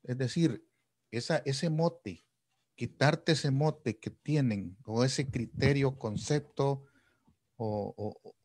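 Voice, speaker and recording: A man hosting a casual panel chat over a video call, animated and acting out the dialogue he quotes. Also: medium pitch, slow pace, no echo. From El Salvador. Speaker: host.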